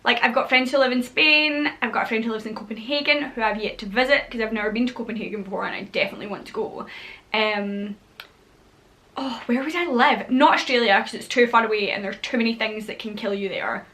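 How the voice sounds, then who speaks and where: Talking straight to camera in a casual vlog, a chatty Scottish woman in her thirties speaks fast in a slightly high voice that sounds bright and forceful. She's bubbly and slips in playful whispered asides.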